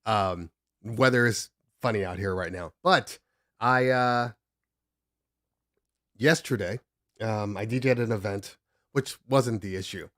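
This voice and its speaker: Just out of bed and congested, a man hosts a casual DJ livestream from his home desk, rambling, joking and interrupting himself as he sets up. His voice is on the low side and a bit bright, a little slow with frequent pauses, recorded dry with clean studio sound.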